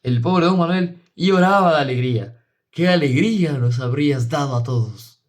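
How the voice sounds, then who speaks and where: A man's voice: moderate pace, natural voice. A man voicing a young woman who is overjoyed and emotional, speaking in a raised, exclamatory voice in an audiobook. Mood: joyful, pleading. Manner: high-pitched, emotional, exclamatory. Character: young woman overjoyed, pleading with her brother. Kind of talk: audiobook dialogue.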